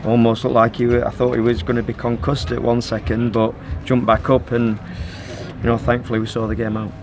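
A middle-aged football manager answers post-match questions on an outdoor pitch, his measured, level speech full of fillers. The interviewer records him with a handheld phone, while crowd noise and music play in the background.

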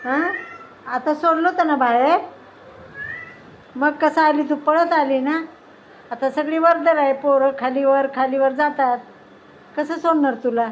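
Woman, high-pitched, slow, coaxing a pet cat, sing-song, faint background noise. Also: steady tone, muffled recording. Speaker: cat owner. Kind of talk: casual home video talking to a pet cat.

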